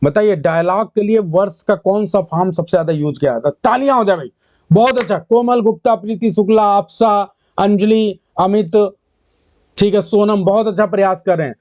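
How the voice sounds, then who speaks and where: A male teacher with a high voice runs an online exam-prep class. He calls out questions, reads English prompts slowly word by word, and cheers on his students' answers. The sound is dry and a little dull. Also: a little mellow, no room sound. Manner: quizzes students, praises answers, mixes English terms into Hindi.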